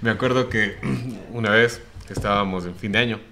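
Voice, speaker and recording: A man's voice: on the low side, fairly even intonation, fairly quick, sharp tone. A young man hosting a podcast, telling stories in a jokey, chatty way. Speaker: podcast host. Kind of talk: casual podcast chat.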